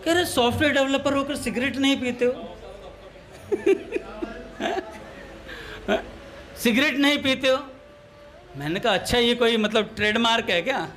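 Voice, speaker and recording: A man's voice: very high-pitched, lively intonation, unhurried, long pauses, a bit bright. A man giving a devotional talk in a storytelling manner, mixing everyday anecdotes with a funny tale of lisping brothers. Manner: storytelling, mimics lisping voices for comic effect. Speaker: satsang speaker.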